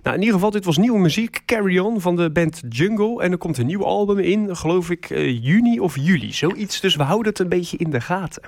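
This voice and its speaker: A man's voice: high-pitched, expressive, a little fast, hardly any pauses, no echo, clean studio sound. A man co-hosting a radio show, chatting casually and hesitantly, with restarts. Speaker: radio co-host.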